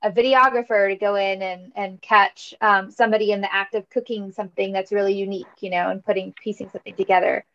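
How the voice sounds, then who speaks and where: A woman's voice: medium pitch, fairly even intonation, fast, few pauses, a bit bright. Thoughtful woman on a dull call. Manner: thoughtful, builds long points. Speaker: teacher. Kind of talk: book club discussion.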